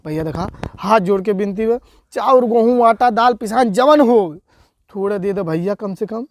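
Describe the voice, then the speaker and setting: A man's voice: high voice, normal speed, no room sound, clean studio sound, lightly acted. A man playing a harried, plaintive policeman who pleads and grumbles in a comedy sketch, with an eastern Uttar Pradesh Bhojpuri accent. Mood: pleading. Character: plaintive, harried policeman begging villagers for handouts.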